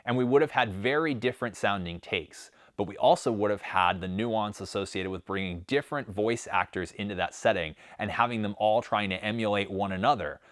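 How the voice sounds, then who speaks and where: A man's voice: lowish voice, dry recording, clean studio sound. A man from the Northeastern United States with a slight Northeast accent, giving a conversational academic presentation with frequent fillers. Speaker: communication professor presenting research.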